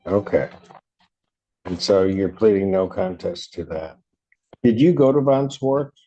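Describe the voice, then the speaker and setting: A man's voice: low voice, a little slow, mellow, highs cut off. A man presiding as a judge in court, asking blunt, clipped questions, heard through a courtroom recording. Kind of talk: courtroom proceedings.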